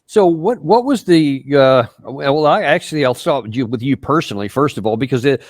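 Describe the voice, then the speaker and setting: A man hosting an interview, speaking in a measured way with frequent fillers and restarts. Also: medium pitch, animated. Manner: measured, halting with many fillers. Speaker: host. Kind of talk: interview host talk.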